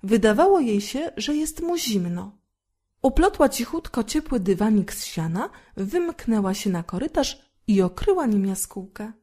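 A woman reading a fairy tale aloud as a storyteller, gentle and expressive. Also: on the high side, normal speed.

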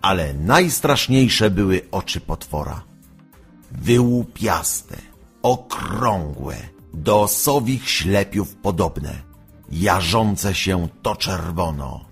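A man narrating a storybook in a slow, expressive way. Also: deep voice, slightly rough. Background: faint music.

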